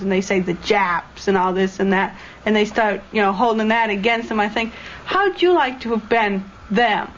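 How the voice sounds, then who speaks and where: A young woman, a former student, giving her opinions earnestly in a group discussion. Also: medium pitch. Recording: dull lo-fi documentary audio with faint room noise.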